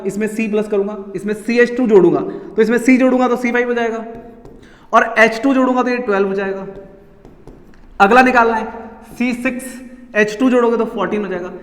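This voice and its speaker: A man teaching chemistry to school students, talking them through each step and counting atoms aloud. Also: high-pitched. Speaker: science teacher. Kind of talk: explaining chemistry at a whiteboard. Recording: echoey room, long reverb.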